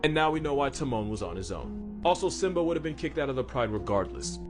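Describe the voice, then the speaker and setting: A man with a medium-pitched, sing-song voice talks fast through comedic scripted narration about animals. His manner is wry, slangy and sarcastic, with music behind him.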